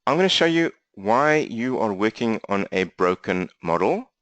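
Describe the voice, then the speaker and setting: Fast-talking South African coach, dry sound. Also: male voice, lowish voice, no room sound. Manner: fast-talking, energetic, interactive. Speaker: business coach for accountants. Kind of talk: live online training webinar. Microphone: laptop mic.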